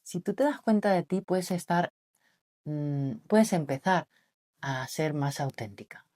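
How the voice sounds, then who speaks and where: A woman speaks to camera in a deep, slightly husky and mature voice. She keeps her tone deliberately soft and reflective, often turning to the listener with rhetorical questions. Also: expressive. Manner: speaks softly and lowered on purpose, asks the listener rhetorical questions. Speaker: vlogger on relationships. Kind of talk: reflective personal talk to camera.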